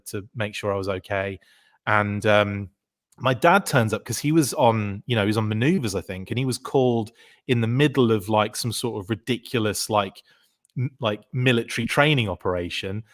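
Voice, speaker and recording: A man's voice: fairly low pitch, fairly quick. Rambling man, podcast guest. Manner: rambling, full of fillers and restarts. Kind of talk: casual chat.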